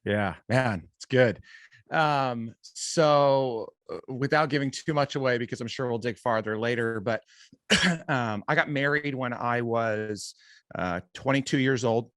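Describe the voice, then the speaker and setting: A man's voice: mid-range voice, measured pace, fairly bright tone, dry recording. A man guesting on a podcast, a coach and speaker telling his own story in an open, candid way. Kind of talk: conversational interview storytelling.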